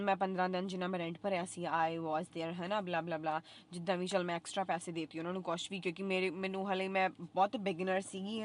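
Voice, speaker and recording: A young woman vlogger telling her own story casually, swinging between loud outbursts and quiet asides, with English phrases mixed in. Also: on the low side.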